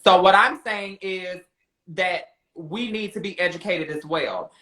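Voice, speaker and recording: A talk guest with a medium-pitched, pushed and bright voice, speaking a little slowly, argues in a heated casual debate about a reality show. They're sassy and insistent, repeating points for emphasis, in a room with noticeable echo.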